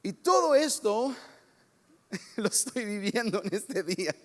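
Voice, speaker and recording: A man preaching a sermon as pastor, telling lively, self-mocking stories from his own life. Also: sits high, slow pace. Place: church sanctuary. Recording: long church reverb.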